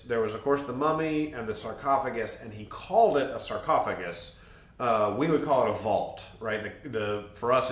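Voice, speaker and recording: A man's voice: on the low side, fairly bright tone, reverberant. A man co-hosting a podcast, telling travel stories in a rambling, jokey way and laughing often. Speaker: podcast co-host. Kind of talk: casual travel storytelling.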